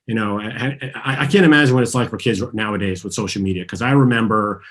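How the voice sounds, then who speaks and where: With a lowish voice and a quick pace, an Argentine-born, US-raised man leads a group through guided tapping. He is earnest and guiding, asking listeners to echo his phrases.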